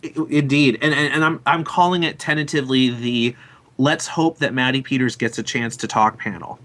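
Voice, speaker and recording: A man's voice: mid-range voice, normal speed, fairly bright tone. An American man hosting a casual live chat show, laughing often and talking with lots of restarts. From United States. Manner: laughing, chatty, restarts a lot. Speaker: show host.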